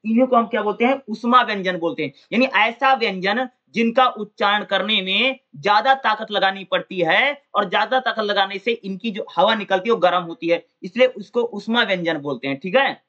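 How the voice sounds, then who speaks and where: A man's voice: high-pitched, brisk, few pauses, sharp tone. A man teaching an exam-prep lecture, asking his own questions and answering them, repeating key terms and drawing out example syllables. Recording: dull lo-fi audio.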